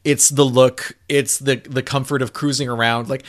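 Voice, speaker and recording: A man's voice: medium pitch, level tone, moderate pace. A man co-hosting a podcast, talking casually about cars with enthusiasm and frequent restarts. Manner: enthusiastic, rambling with restarts and fillers. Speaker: car reviewer, podcast co-host.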